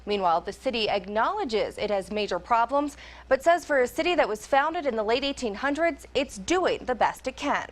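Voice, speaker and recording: A woman news anchor and reporter, reading stories in a crisp, measured newscast delivery. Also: a little high, animated.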